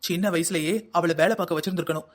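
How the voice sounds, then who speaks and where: A nagging older husband in a cartoon, as voiced by a performer, talking in a quick, middling-pitched voice with a South Tamil Nadu accent. He scolds and grumbles about the household without pause. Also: steady tone, close to an everyday voice. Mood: grumbling. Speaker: voice actor in a family cartoon. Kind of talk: cartoon family comedy acting.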